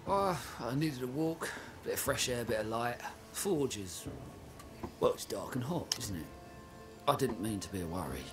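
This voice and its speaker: An actor playing a nervous, guilt-ridden village blacksmith in a video game, hesitant, rambling and flustered. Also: male voice, medium pitch, lively intonation, normal speed, music in the background, natural voice. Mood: sheepish, nervous. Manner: hesitant, rambling, flustered, voice leaps when agitated. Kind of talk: dramatic video game acting.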